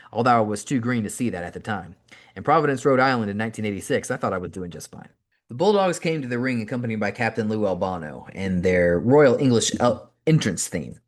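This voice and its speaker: A man, the host, reading a memoir aloud as an audiobook, narrating in an animated first-person storytelling style. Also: mid-range voice.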